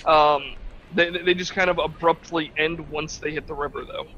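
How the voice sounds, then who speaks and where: A man's voice: on the high side, steady tone, normal speed, sharp tone, dull audio, a little hiss or hum. A man acting as game master in a tabletop game, describing the scene in a rambling, hesitant way with many restarts.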